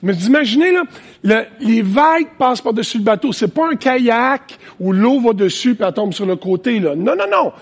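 A man with a Quebec French accent preaching an animated, conversational sermon with plenty of asides. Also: extremely high pitch, normal speed. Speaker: pastor. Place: church, preaching to online viewers.

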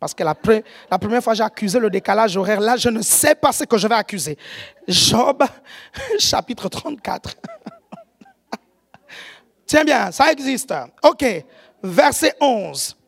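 High, gravelly woman preaching with an African French accent. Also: normal speed. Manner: animated, often shouting, keeps checking the congregation follows. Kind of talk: sermon.

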